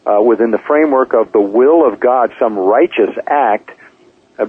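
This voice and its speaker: A pastor speaking on a radio program, measured and full of "uh" fillers, asking and answering his own rhetorical questions. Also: fairly low pitch, husky. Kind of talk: radio Bible teaching talk. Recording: tinny phone-line radio clip.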